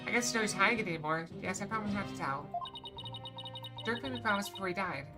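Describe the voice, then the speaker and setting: A woman's voice: medium pitch, expressive, quick pace, over loud music, close to an everyday voice. A woman voicing an earnest, hesitant young female spirit medium in a game dialogue read-through. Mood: hesitant confession. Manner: hesitant, sincere.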